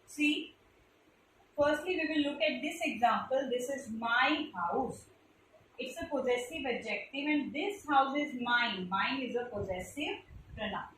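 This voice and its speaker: Indian english lady teacher going over grammar, high voice, super echoey room, mic far off, bit of background hiss. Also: fairly bright tone. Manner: explains step by step, spells letters out, addresses pupils as beta. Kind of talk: classroom grammar lesson. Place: classroom. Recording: echoey room recorded from a distance.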